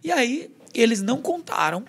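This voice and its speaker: A man's voice: very high-pitched, moderate pace, creaky, husky. A Brazilian pastor, a man, telling a personal testimony in a casual podcast chat, acting out the voices of people in his story. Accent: Brazilian Portuguese. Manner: animated storyteller, acting out quoted dialogue. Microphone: studio podcast microphone.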